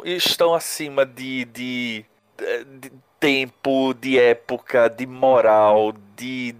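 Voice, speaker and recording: A man talking casually on a podcast in a mid-pitched voice. He takes his time, trails off and restarts phrases while he hunts for the right word. His speech is steady and unhurried between those pauses. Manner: hesitant, searching for words with many restarts. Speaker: podcast co-host.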